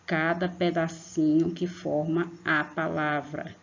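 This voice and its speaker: A woman's voice: low-pitched, level tone, slow, gravelly, slight background noise. A woman teacher giving a patient online lesson to children, stretching out and stressing example words. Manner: patient, talks to pupils as "tia". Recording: dull lo-fi online class audio.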